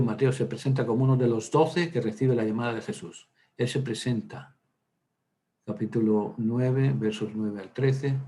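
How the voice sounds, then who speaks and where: A priest with a mellow, mid-range voice leads an informal Bible workshop. He's chatty and digressive, using lots of hesitant fillers and side stories.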